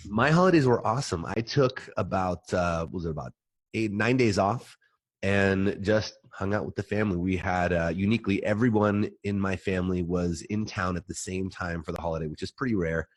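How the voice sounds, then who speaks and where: A man hosting a podcast in casual chat, his voice nasal and stuffed up from a cold, relaxed and full of fillers. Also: low voice, fairly quick. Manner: relaxed, filler-heavy, friendly. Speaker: podcast host.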